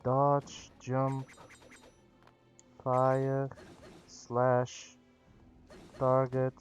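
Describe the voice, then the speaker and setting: A man's voice: mid-range voice, monotone, extremely slow. A man hosting a casual game livestream, chatting informally and thinking aloud as he plays. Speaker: livestream host. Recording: dull lo-fi mic with music behind.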